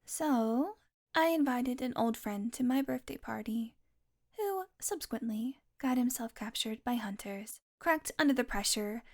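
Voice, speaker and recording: In audio roleplay style, a woman plays a haughty, sardonic vampire who teases the listener directly with exasperated sarcasm. Her voice is fairly high and a little mellow.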